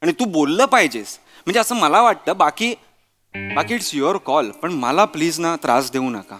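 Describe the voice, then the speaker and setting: In a sketch comedy, a man with a Marathi accent plays a harried young husband stuck between his wife and his mother, sounding exasperated and preachy. His natural voice is on the high side with lively intonation at a moderate pace, over loud background music.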